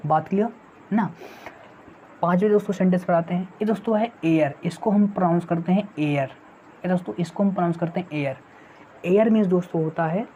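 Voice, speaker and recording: A woman gives an online exam-prep grammar lesson in a low, mellow voice. She keeps putting rhetorical questions to her viewers and repeats her key points. The recording is dull and lo-fi, with faint hiss underneath. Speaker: English teacher. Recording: dull lo-fi sound with faint noise.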